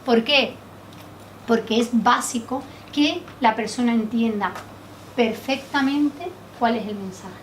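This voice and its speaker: High-voiced trainer from Spain, distant mic. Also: female voice, slow. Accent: Spanish from Spain. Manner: lively, asks the group rhetorical questions. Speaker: workshop trainer. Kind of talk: public speaking workshop. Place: indoor training room. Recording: distant mic, faint background noise.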